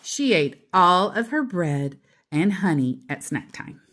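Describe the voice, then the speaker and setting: Casual asides pepper this woman's reading of a children's book. Her voice is lowish, and she shapes each phrase with deliberate, expressive emphasis.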